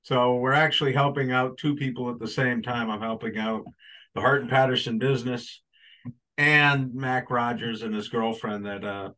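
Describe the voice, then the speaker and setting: A man's voice: fairly low pitch, creaky, bright, forceful tone, poor audio. A man who owns a property, heard over a group video-meeting call, explaining his permit request at a public hearing in an easygoing, rambling way. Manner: easygoing, rambling, with many fillers. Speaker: property owner applying for a permit.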